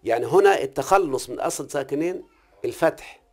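Fast-talking Egyptian teacher, quizzing his student. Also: on the high side, animated. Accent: Egyptian Arabic. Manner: questioning, repeatedly checks the student understands. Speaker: Quran recitation teacher. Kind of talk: one-on-one grammar and recitation lesson.

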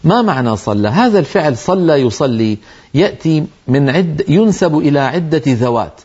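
A man's voice: a little high, animated, normal speed, a little mellow, slightly rough. A man giving a religious lesson, explaining terms step by step and repeating key words. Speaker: teacher. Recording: dull lo-fi sound.

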